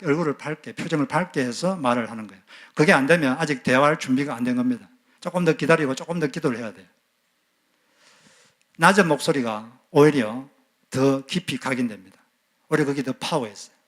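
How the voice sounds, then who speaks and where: A man's voice: fairly high pitch, fairly bright tone. A man who is a pastor, preaching a sermon, asking the congregation questions and acting out quoted lines. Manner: asks the congregation questions and acts out quoted scolding.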